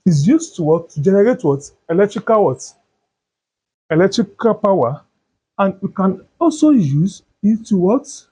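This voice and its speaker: A male teacher giving a chemistry lesson, asking questions and answering them himself, repeating terms slowly. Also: high-pitched, very animated, dark tone, breathy edge. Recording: dull lo-fi sound.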